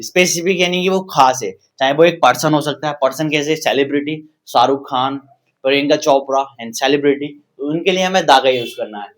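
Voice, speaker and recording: A man's voice: on the high side, a little fast. Indian man teaching English grammar. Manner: repetitive, asks rhetorical questions to students. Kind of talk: classroom-style grammar lesson.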